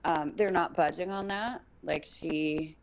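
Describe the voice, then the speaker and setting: A woman co-hosts a relaxed podcast from home, chatting about a court case in an easy, joking tone with the odd casual swear. Her voice sits a little low for a woman. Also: slow pace, rough recording. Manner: relaxed, joking, a bit crude. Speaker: podcast co-host. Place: home by a window with her dog.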